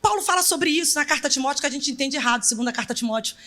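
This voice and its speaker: Woman preacher, Brazilian accent, high voice, bright tone, animated storytelling sermon, sudden shouts. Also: rapid-fire. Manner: animated storytelling, acting out family members, bursts of shouted emphasis. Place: church sanctuary.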